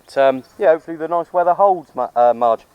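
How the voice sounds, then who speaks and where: Here the radio hobbyist's voice sits on the high side and he talks fast, with the high frequencies cut off. He's out on a hill vlogging in a casual, matey way, outdoor background noise clearly audible.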